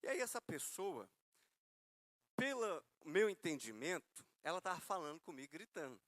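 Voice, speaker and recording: A man's voice: a little high, sing-song, moderate pace, fairly bright tone, no echo. A man with a Brazilian Portuguese accent preaching a sermon, telling stories with self-mocking humor and asking listeners rhetorical questions. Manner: asks listeners rhetorical questions, calls them brother.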